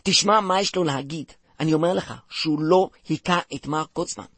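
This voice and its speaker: A bumbling joker, played by a man, stammers and trips over his words while spinning silly puns in a comic radio play. His voice is slightly high and husky, recorded dry and close. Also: fairly bright tone, dry recording. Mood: pleading coaxing.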